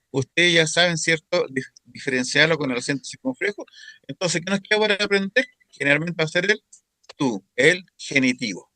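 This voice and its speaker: A man's voice: fairly high pitch, pushed and bright. A man teaching a Greek grammar class, patiently repeating word forms for students to echo. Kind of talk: classroom lecture.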